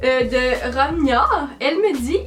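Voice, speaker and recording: A woman's voice: sits high, expressive, a little slow, a bit bright, faint music behind. A teenage girl with a Québécois French accent, chatting casually in a vlog and answering comments with dry sarcasm. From Quebec, Canada. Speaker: YouTuber.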